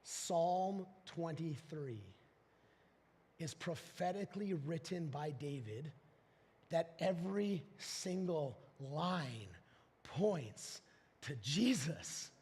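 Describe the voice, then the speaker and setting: A man preaching a live church sermon. He moves from quiet scripture reading to loud, emphatic preaching and often stumbles and restarts a phrase. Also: a little high, expressive, very slow, breathy edge. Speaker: pastor. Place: church auditorium. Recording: long reverb of a large church hall.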